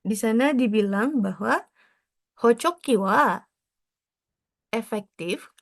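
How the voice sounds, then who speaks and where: A woman tutoring at an unhurried pace, her fairly high voice carrying a gravelly edge. She walks students through technical terms one at a time and glosses each, often checking in with a soft tag question. The sound is close and dry, with no room around it. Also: no room sound. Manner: explains step by step, drops in foreign technical terms and glosses them. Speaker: exam prep tutor. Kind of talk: explanatory online lesson.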